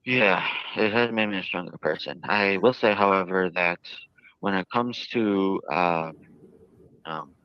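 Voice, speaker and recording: A jail inmate with a very low, clean, smooth voice answers a reporter's questions in halting, drawn-out phrases. The recording is very dry, without echo, and somewhat muffled, like a lo-fi archive interview.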